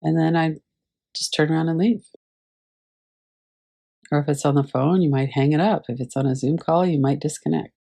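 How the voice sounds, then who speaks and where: A woman teaching a class over a video call, gently guiding listeners through a visualization with unhurried pauses. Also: low voice, creaky. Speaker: meditation teacher.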